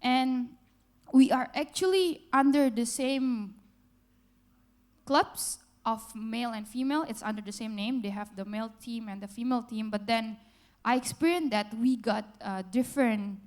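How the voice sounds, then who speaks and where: A woman's voice: fairly high pitch, moderate pace, a little mellow. A young woman from Indonesia, an English speaker, tells a personal story on stage to a festival audience in simple, earnest phrasing. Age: young adult. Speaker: youth panel speaker. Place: large hall at a festival, on stage.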